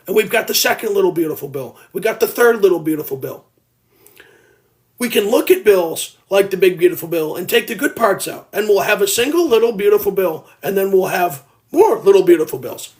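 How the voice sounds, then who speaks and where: A man in his early twenties runs a casual livestream from home, speaking into a phone in a high, expressive voice at a fairly quick pace. He talks earnestly and at length, reading viewer comments aloud, and his voice goes gravelly at times.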